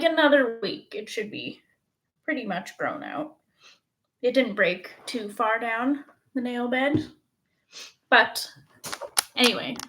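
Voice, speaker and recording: A woman from Canada streams live from home, talking into her phone's front camera. Her voice sits a little high, and she speaks slowly and loosely. She rambles along with plenty of fillers. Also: a bit bright. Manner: rambling and chatty, with many fillers. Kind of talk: casual live-stream chat. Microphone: phone front-facing camera.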